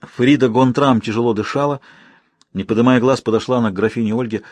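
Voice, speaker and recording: Husky male audiobook narrator. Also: mid-range voice, no room sound. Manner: measured, expressive reading. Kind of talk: scripted literary narration.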